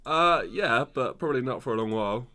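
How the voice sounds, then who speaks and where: A man's voice: mid-range voice, lively intonation, brisk, very noisy. A young British man co-hosting a casual podcast, easygoing and self-deprecating, reading out news stories. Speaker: podcast co-host.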